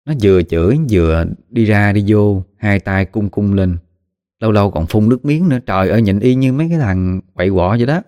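Low-voiced Southern Vietnamese storyteller. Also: male voice, fairly quick, dark tone, dry recording, clean studio sound. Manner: conversational, dramatic asides. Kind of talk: ghost story narration. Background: faint music.

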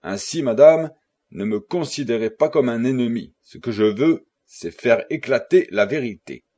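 A man's voice: medium pitch, lively intonation, moderate pace, warm tone, natural voice. A man reading a stern police agent. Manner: stern, formal and solemn. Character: agent de la sûreté, homme mûr, sévère.

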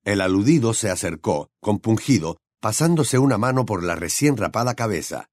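A man narrating an audiobook in an expressive, storytelling way on a close studio mic. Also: fairly low pitch, normal speed, no echo. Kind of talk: scripted narration.

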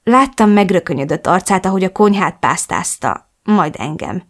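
A woman's voice: lowish voice, animated. A woman reading a first-person novel as an audiobook, with a melancholic and emotional storytelling manner. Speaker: audiobook narrator.

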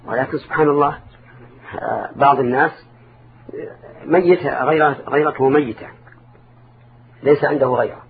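The speaker is an older Islamic scholar counseling listeners in formal Arabic, answering their questions in a didactic style that repeats and rephrases for emphasis. He has a medium-pitched, fairly even voice at normal speed with frequent pauses. Audio is narrowband and phone-like, with clear background noise.

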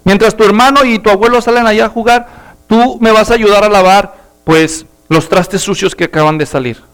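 A man voicing a wise older grandmother who speaks patiently and gently. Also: sits high, steady tone, brisk, smooth. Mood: bossy.

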